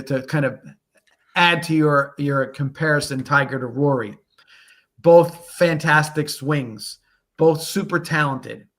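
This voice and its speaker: A man with a bright, forceful voice pitched a bit above the usual, talking sports in a loose, blunt way. He hammers his points with repeated phrases and tags like "okay?", as a co-host on a podcast microphone. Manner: emphatic, blunt, mimics golfers in quoted asides. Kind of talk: casual sports talk.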